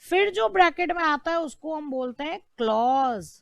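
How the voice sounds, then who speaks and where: A woman's voice: sits high, lively intonation, moderate pace, creaky, fairly bright tone, no echo. A woman teaching an online law lecture, asking rhetorical questions and repeating key terms.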